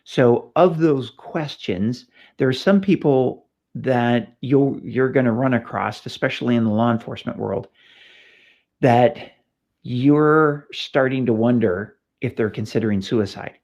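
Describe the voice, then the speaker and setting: Unhurried and a little mellow, a middle-aged man from California talks in a mid-range voice while hosting a laid-back police training talk. He chats through anecdotes with many fillers and restarts on a slightly dull, lo-fi recording.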